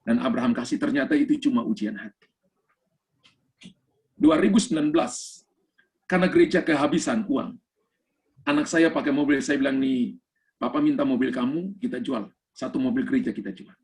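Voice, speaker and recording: A man's voice: medium pitch, normal speed, pauses often, darkish tone. A man preaching a sermon over a video call, emphatic and storytelling, slipping English phrases into his talk. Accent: Indonesian. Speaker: pastor.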